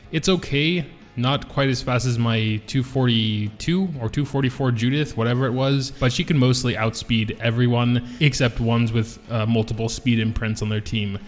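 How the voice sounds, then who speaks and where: A man chats casually and thinks aloud as he plays, in a mid-range voice. His words ring out with a long, big hall reverb, like a bare, echoing room. Faint game music sits quietly behind him. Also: medium pitch. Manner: relaxed, thinking aloud, chatty. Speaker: gaming channel host. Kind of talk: casual gameplay commentary.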